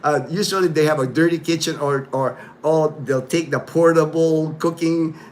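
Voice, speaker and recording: Chatting with viewers on a relaxed livestream, a host in his fifties, born in the Philippines, wanders from topic to topic, reads comments aloud, and leans heavily on fillers and asides. He speaks at normal speed in a steady, slightly high voice, and a faint hiss or hum sits under the sound.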